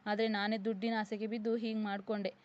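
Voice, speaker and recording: A woman's voice: medium pitch, little pitch movement, quick pace, lightly acted. A woman voicing a distressed young female office worker who was scammed, speaking in an upset, pleading way. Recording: slightly dull lo-fi recording.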